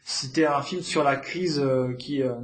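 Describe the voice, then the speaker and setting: A man's voice: mid-range voice, unhurried. A man hosting a library podcast, recommending films in a casual, hesitant way with many fillers and restarts.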